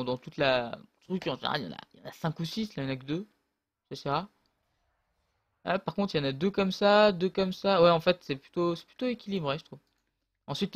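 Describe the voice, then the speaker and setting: A man casually commentating his own online match, rambling and hesitant with many fillers and restarts, on a close desk mic. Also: fairly high pitch.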